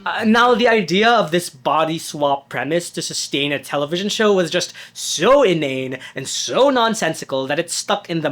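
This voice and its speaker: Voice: mid-range voice, fairly bright tone. A narrator reading a scripted video essay in a conversational tone with wry asides.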